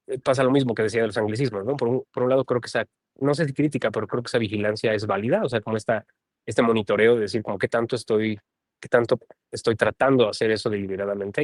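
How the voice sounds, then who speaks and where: A Mexican man with a lowish voice talks as a guest in a casual conversation. He thinks aloud, qualifies his ideas and often tags his sentences with a soft question. The sound is dry and close. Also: dry recording. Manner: thoughtful, hedging, often adds a questioning tag. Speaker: translator and guest.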